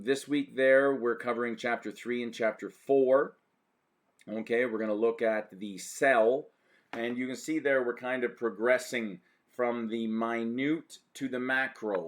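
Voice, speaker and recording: A man's voice: medium pitch, fairly bright tone. A man in his thirties facilitating an online course, talking in a casual, rambling way with many fillers over a video call. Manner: chatty, rambling, frequent fillers. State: a little out of breath. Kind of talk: casual online class lecture.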